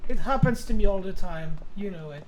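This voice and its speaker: A woman's voice: medium pitch, a little fast, a little hiss or hum. A woman hosting a co-op let's play, chatting casually and laughing often. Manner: giggly, relaxed. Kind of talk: casual gaming chat.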